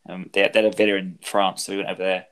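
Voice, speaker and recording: A young man telling personal anecdotes in a casual, halting way. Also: sits low, level tone, background noise. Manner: hesitant, halting delivery. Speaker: podcast speaker.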